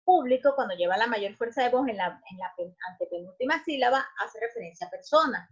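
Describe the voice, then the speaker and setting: A woman teacher explaining grammar, checking in often with short questions and filling pauses with "este". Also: medium pitch, lively intonation, fairly bright tone, breathy edge. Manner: explanatory, checks in with "¿ok?" and "¿verdad?", frequent restarts and "este" fillers. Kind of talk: recorded grammar lesson. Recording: muffled lo-fi recording.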